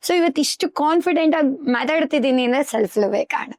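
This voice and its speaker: A woman's voice: high-pitched, expressive, a little fast, a little mellow, dry recording. A woman guest on a podcast, a life coach who explains earnestly with everyday examples. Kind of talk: podcast interview.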